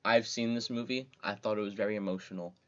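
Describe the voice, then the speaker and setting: A young man co-hosting a casual chat, animated as he reads out movie titles. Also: on the low side, quick pace, muffled recording. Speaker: podcast co-host.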